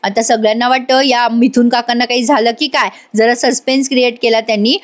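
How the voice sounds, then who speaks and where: High-voiced woman chatting through a recap. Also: steady tone, fairly quick. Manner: chatty, addresses viewers directly; retells scenes by quoting each character. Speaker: TV serial reviewer. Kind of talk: voice-over episode recap. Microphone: voice-over recorded at a mic.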